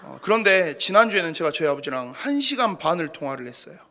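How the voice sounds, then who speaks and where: Man in his thirties, pastor, sermon, fairly high voice, chatty storytelling with sighs. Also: big pitch swings, quick pace, sharp tone. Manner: conversational, self-deprecating storytelling with sighs and fillers.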